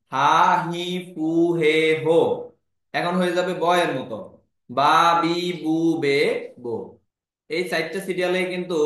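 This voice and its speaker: A man teaching a language lesson, patiently repeating each syllable slowly and clearly. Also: a little high, a bit bright. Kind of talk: classroom lesson explaining Japanese script. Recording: very echoey room.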